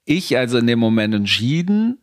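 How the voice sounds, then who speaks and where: A middle-aged man co-hosting a podcast in casual chat, animated, quick to protest and correct the story. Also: medium pitch. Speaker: podcast co-host, dog trainer.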